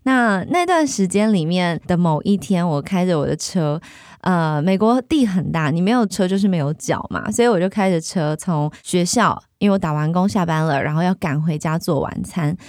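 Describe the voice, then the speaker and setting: Animated Taiwanese woman telling her story. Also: lowish voice, normal speed, no echo, studio quality. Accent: Taiwanese Mandarin. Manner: lively, animated storytelling with acted-out quotes. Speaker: guest. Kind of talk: candid personal storytelling.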